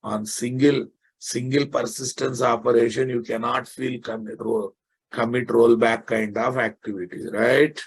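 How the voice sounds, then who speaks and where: A male programming teacher with a Telugu Indian accent. His voice is gravelly and husky, and he speaks slowly. He lectures informally and bluntly, repeating phrases to drive them in. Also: medium pitch, steady tone. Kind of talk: informal live online lecture.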